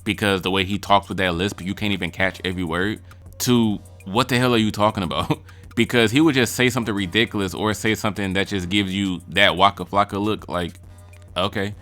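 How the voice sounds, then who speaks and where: A man's voice: sits low, fairly even intonation, brisk, a bit bright, soft background music. A man giving casual ranking commentary on rap verses, blunt, profane and mocking. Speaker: music reaction vlogger.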